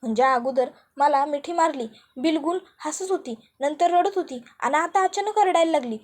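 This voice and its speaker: A woman's voice: moderate pace, close to an everyday voice. Woman doing a pleading village wife. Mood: coaxing. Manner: pleading, higher and louder.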